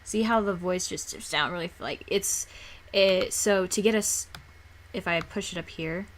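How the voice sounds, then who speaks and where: A woman's voice: on the low side, unhurried. A woman giving a casual tutorial, rambling and often restarting or repeating her words. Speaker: tutorial maker. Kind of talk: casual screen-recorded tutorial.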